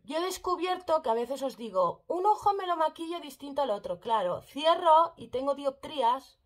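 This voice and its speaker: Brief: bright-voiced woman vlogger, chatty makeup demo addressed to viewers. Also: high-pitched, big pitch swings, moderate pace. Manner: chatty, addresses viewers directly, fond of diminutives. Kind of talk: casual makeup tutorial chat.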